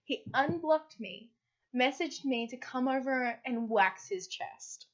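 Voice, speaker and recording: Animated woman podcaster telling a story. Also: sits high, takes it slowly, highs cut off. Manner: animated storyteller, laughs easily. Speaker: podcast co-host. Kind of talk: casual chat.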